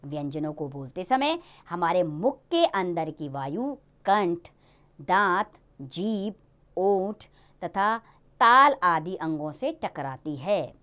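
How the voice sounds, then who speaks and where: A woman teaching a Hindi grammar lesson to young children in a lively, sing-song way. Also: fairly low pitch, takes it slowly.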